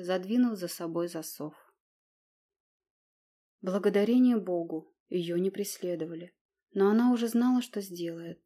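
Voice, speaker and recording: A woman reads a historical novel aloud with expressive, measured narration. Her voice sits in a middle register for a woman, steady and clear in its storytelling. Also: medium pitch. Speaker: audiobook narrator. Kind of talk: dramatic audiobook narration.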